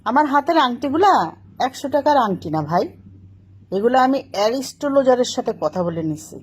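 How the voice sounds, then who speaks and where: A woman imitating a showy lady who brags and stumbles over fancy words. The voice comes out a bit higher and brighter than her everyday talk. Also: very animated, moderate pace, breathy edge, full character voice. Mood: boastful. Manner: boastful, slightly mispronounced. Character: showy woman boasting about her rings.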